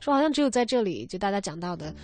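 A woman hosting a radio show, chatting casually and reflectively with a co-host, often ending phrases on soft particles. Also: mid-range voice, sing-song, racing. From China, outside Beijing. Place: radio studio.

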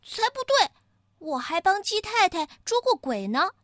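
A boastful little piglet hero, voiced by a woman reading a storybook, high and childlike with a bright, jumpy pitch. The sound is dry and close. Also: big pitch swings, measured pace, no echo, exaggerated voice. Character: brave, boastful young boy piglet hero.

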